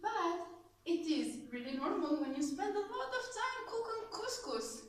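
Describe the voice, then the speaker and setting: A young woman from Tunisia giving a prepared club speech, animated and laughing often, with fillers and restarts. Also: very high-pitched, moderate pace, a little hiss or hum. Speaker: club speaker. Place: meeting room with audience. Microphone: far camera. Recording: echoey room from far off.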